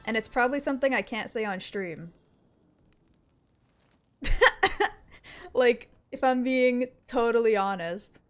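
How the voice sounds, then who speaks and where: A woman game streamer chatting casually on a livestream in a playful, expressive, sometimes sweary way. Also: on the high side, unhurried, long pauses. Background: game music.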